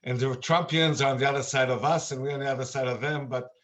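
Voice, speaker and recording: An older man from Israel, now a musician, talking earnestly and haltingly with many fillers on a video call. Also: mid-range voice, fairly even intonation, a bit bright. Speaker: musician and meditation guest. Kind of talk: casual video-call chat. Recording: dull lo-fi video-call audio.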